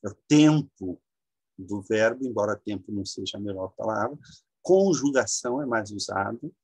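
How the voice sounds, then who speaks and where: A man from Brazil, teaching a slow, halting lecture with many fillers and drawn-out example words. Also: lowish voice, lively intonation, darkish tone, slightly rough, no room sound. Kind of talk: classroom lecture.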